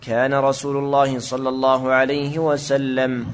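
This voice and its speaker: A man reading hadith aloud for his teacher in steady, measured formal recitation. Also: mid-range voice, clear, resonant tone, long reverb tail. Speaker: student reading the text aloud.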